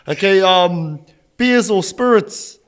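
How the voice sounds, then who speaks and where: A man's voice: sits high, a bit bright. A man with a broad New Zealand Māori English accent, co-hosting a podcast with jokey, slangy banter. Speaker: podcast co-host. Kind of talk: casual banter.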